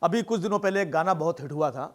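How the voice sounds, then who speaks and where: A man telling jokes on stage in a lively, animated way. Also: on the high side, fast. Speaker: stand-up comedian. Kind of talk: stand-up joke telling.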